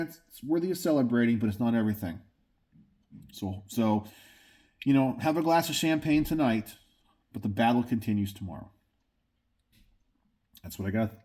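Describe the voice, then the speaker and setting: A man's voice: mid-range voice, a little mellow. An American man hosting a video channel, giving opinionated commentary to his viewers in an emphatic way, often repeating phrases for effect. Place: garage.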